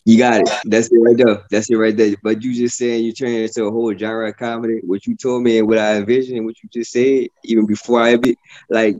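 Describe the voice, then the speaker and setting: A man in casual conversation who peppers his speech with "like" and repeats himself for emphasis. His voice sits at an average pitch, recorded dry with a slightly muffled, lo-fi sound. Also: little pitch movement, quick pace, darkish tone, dry recording. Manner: says like a lot. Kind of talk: casual chat. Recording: muffled, band-limited audio.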